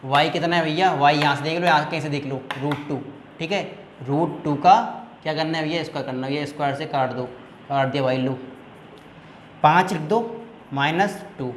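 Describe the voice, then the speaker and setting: A man's voice: fairly high pitch, normal speed, reverberant, slight background noise. A man tutoring maths, walking students through each step and checking often that they follow. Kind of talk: classroom maths lesson.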